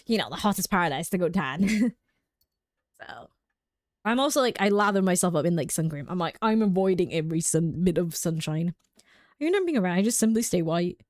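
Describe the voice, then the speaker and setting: Her voice sits on the low side, animated and brisk with a darkish tone, in a dry, studio-quality recording. She's a young woman from the United Kingdom streaming a game at home, giggly and chatty with viewers and heavy on "like."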